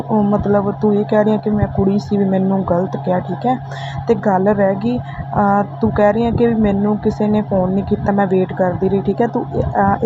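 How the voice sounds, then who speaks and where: A woman tears into a rival vlogger in heated reaction commentary, scolding and confrontational. Her voice sits at a middle pitch and comes through narrow and tinny, like a phone call, with a faint hiss behind it. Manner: scolding, confrontational, repeats "theek hai?". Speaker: vlogger replying to another vlogger.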